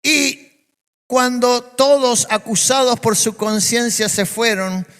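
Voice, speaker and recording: High-voiced Argentine pastor preaching slowly. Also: male voice, fairly bright tone, smooth, big-room sound. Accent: Argentine Spanish. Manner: emphatic preaching with repeated phrases. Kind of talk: sermon. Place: church.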